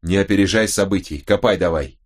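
A man voicing a gruff male detective who gives short, curt orders in a low voice. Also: fairly quick, lightly acted. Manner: curt commands.

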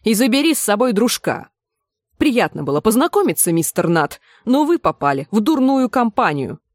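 A woman voicing a bossy but kind young woman cook who scolds in a brisk, motherly way, in an audiobook. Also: medium pitch, sing-song, dry recording, studio quality, voice pushed up. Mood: scolding.

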